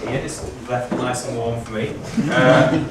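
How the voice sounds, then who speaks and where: A man opening a stand-up set with a hesitant, filler-heavy warm-up on a comedy club stage. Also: medium pitch, completely flat delivery, measured pace, noisy background. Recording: echoey venue, distant mic, music.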